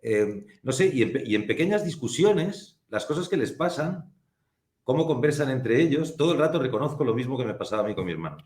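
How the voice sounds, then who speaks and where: In an echoey room, a Spanish man who produces films speaks as a guest in a casual interview, his medium-pitched voice very animated and a little mellow. His manner is reflective and thoughtful, unhurried with frequent pauses.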